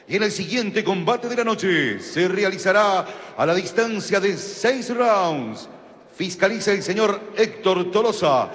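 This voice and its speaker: A man introducing fights formally as a ring announcer, with showy drawn-out names in the manner of lucha libre, over a stadium PA. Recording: long booming arena reverb.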